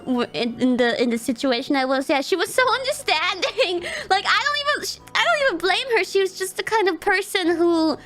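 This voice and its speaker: Young woman, high voice, casual storytelling, rambling, swearing, faint music behind. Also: fairly bright tone. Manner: emotional, rambling, with frequent laughs and swearing. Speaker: streamer.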